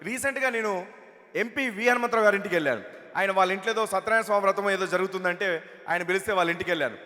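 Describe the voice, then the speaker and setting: Fast, bright-voiced stage comedian. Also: male voice, sits high. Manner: chatty, setting up jokes. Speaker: mimicry comedian. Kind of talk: stand-up comedy at a stage event. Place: stage at a film event. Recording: reverberant hall.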